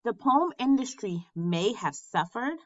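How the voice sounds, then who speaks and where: A woman teacher reading a picture book aloud to children in a slow, expressive storytelling manner. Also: fairly high pitch, highs cut off.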